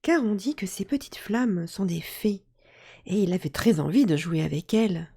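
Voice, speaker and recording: A woman narrating a children's story in a lively, expressive way. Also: medium pitch, moderate pace, slightly rough.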